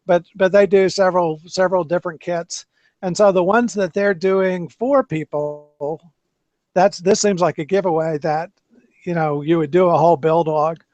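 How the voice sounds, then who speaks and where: A podcast host chats casually about cars, rambling in loose sentences and restarting often. His voice sits high with fairly even intonation, a moderate pace and a slightly mellow quality. The dry recording sounds dull and lo-fi.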